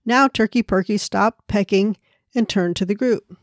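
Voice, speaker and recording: A woman's voice: mid-range voice, normal speed, dry recording, clean studio sound. A woman hosting a devotional podcast, speaking in an earnest, prayerful way and narrating a children's story. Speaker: podcast host.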